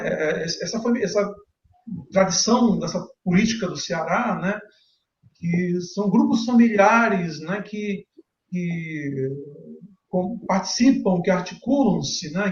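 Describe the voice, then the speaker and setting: A man hosting an academic live stream, asking questions and tagging his sentences with quick checks for agreement. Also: sits high, roomy sound, lo-fi sound. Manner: asks questions, adds frequent tag questions. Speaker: host and interviewer.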